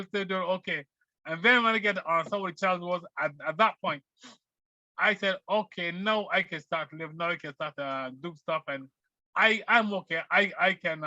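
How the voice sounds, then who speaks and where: A middle-aged man from Barbados answering interview questions in a hesitant, halting way with many restarts. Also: high voice, pushed and bright, no room sound. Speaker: guest. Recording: dull lo-fi sound.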